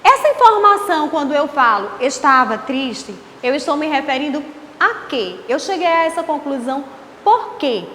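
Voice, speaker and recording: A Brazilian woman teacher giving an online class, explaining slowly and asking rhetorical questions. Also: high voice, sing-song, fairly bright tone. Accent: Brazilian Portuguese. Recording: echoey room with faint hiss.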